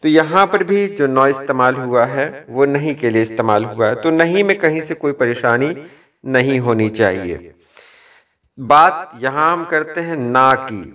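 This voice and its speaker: A man giving a measured lesson, explaining word usage and quoting verse and example phrases. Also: mid-range voice, expressive, a bit bright. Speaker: language teacher. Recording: distant from the mic.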